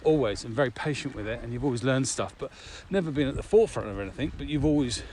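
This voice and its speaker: Chatting casually as a podcast co-host, this business owner in his 50s talks fast in a mid-range, slightly mellow voice with lively intonation. The conversation happens outdoors at dusk, and there's clear background noise.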